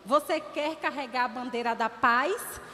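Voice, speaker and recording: A woman in her thirties preaching a sermon with animated storytelling. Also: high voice, measured pace. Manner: animated storytelling, acting out dialogue. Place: church hall. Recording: reverberant church hall, faint noise.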